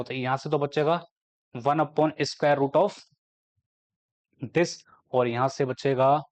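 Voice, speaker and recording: Higher-pitched man teaching a maths lecture. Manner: explains step by step, asking and answering his own questions; slows right down when dictating formulas.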